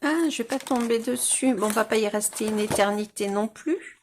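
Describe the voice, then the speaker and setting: Chatty woman, slightly high voice. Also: normal speed, a little hiss or hum. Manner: rambling and chatty, with many fillers and restarts. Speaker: coloring-book YouTuber. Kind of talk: casual chat showing her colorings.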